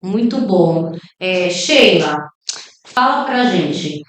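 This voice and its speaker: A woman's voice: lowish voice, expressive, extremely slow, recorded from a distance. Woman, podcast host, encouraging, very echoey room, away from the mic. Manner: encouraging, affirming. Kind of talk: casual interview.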